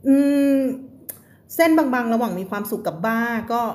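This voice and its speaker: A woman with a Thai accent teaching English on a live stream from home. She reads English lines slowly, explains them in casual chat, and laughs often. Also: fairly high pitch, lively intonation, a little mellow. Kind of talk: live-streamed reading lesson.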